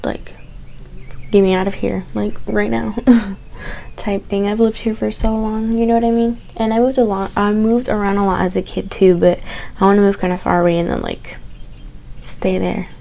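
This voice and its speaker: A young adult woman vlogging, telling stories in a candid, animated, casual way, swearing and saying "like" often. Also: mid-range voice, moderate pace, gravelly, slight background noise. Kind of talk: casual chatty storytelling.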